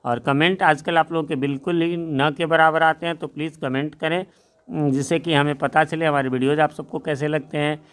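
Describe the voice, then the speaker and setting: Smooth-voiced male grammar teacher. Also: a little high, fairly even intonation, a bit bright. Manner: slow, deliberate reading of example sentences, frequent tag question "है ना". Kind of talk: explanatory grammar lesson.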